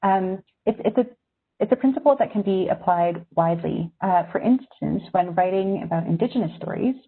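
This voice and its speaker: A woman of medium pitch speaks a little fast in a husky voice, and the video-call audio sounds tinny. A magazine editor raised in Syria, she delivers a thoughtful, reflective webinar talk to journalism students.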